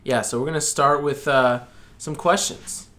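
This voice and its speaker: A man's voice: medium pitch, fairly even intonation, normal speed, bright, forceful tone. A young man co-hosting a podcast in casual chat, teasing his guest with playful questions. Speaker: podcast co-host.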